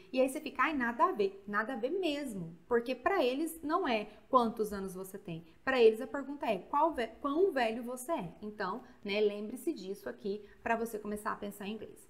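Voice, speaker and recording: Chatty Brazilian woman teaching English grammar. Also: fairly high pitch. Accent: Brazilian Portuguese, Goiás. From Goiás, Brazil. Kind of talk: video grammar lesson.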